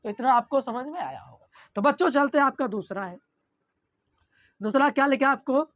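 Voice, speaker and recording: A male teacher giving an online grammar lesson. He keeps asking rhetorical questions, answers them himself, and reads example sentences out slowly. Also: very high voice, animated, fairly bright tone, no echo. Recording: dull lo-fi recording.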